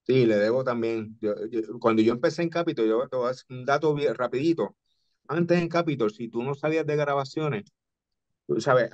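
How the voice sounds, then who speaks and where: A man's voice: medium pitch, darkish tone, no echo. A man, a professional wrestler, recalling his career in casual chat, often repeating words as he starts. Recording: dull lo-fi sound.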